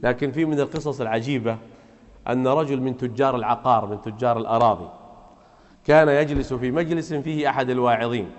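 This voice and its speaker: A man preaching a sermon in a mosque, building to loud emphatic peaks and putting rhetorical questions to his listeners. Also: mid-range voice, quick pace. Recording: long hall reverb in a mosque.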